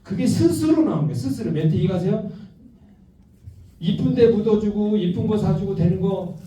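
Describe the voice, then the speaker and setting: A man's voice: high voice, lively intonation, moderate pace, dark tone. A man giving a lecture to a live audience, constantly asking listeners questions and acting out little quotes. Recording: echoey hall, voice from a distance.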